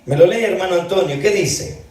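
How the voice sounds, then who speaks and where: A man's voice: sits high, brisk, a little mellow. Man preaching in an echoey hall. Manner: keeps calling listeners brother. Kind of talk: evening sermon reading scripture aloud. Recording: echoey hall, distant mic.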